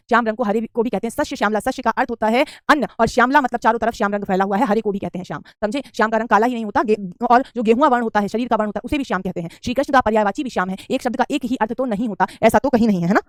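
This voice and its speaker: Woman, teacher, rapid speech, slightly high voice, dry close sound. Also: no echo. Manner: answers student questions, says "beta" often; repeats correct spellings for drill. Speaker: Hindi teacher. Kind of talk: online exam-prep class.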